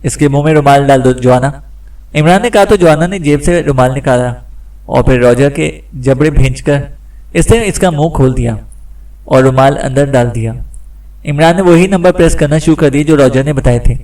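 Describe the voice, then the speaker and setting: Brief: male storyteller reading a thriller, somewhat high-pitched, set back from the mic. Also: normal speed, distant mic, poor audio. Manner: steady storytelling delivery. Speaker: audiobook narrator. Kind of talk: scripted narration.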